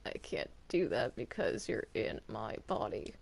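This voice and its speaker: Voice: medium pitch, sing-song, a little slow, gravelly, a little mellow, exaggerated voice. A performer voicing Bendy's hesitant, put-upon cartoon ink demon in an improvised game roleplay, stammering and complaining. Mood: sulky, meek.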